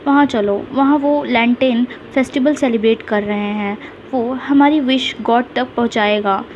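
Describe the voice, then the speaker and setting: A woman's voice: on the high side, measured pace, lightly acted. A woman doing a playful teasing young lover. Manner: teasing, pleading. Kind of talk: storybook character voice. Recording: dull lo-fi with faint hiss.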